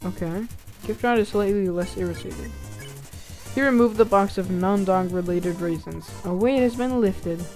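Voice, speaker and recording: A woman hosting a casual let's-play, reading the game's text aloud between quick reactions. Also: mid-range voice, a little mellow, soft background music. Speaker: gaming channel host.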